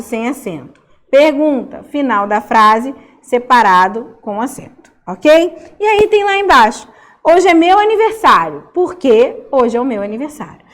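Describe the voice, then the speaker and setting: A woman's voice: sits high, a bit bright. A young woman teacher giving a recorded Portuguese class to children, explaining in a sing-song way and checking in often with "ok?".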